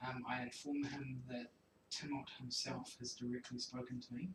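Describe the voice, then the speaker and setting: A man's voice: mid-range voice, little pitch movement, normal speed. A man playing a tabletop game, speaking in a level, matter-of-fact way. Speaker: player. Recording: roomy, distant mic, audible noise.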